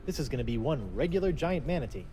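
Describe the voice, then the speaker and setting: An actor playing an eager, wisecracking young pirate in an adventure game, wordy and boyish. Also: male voice, medium pitch, sing-song, quick pace, mellow, faint music behind, close to an everyday voice. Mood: eager, quippy. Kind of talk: scripted adventure game dialogue.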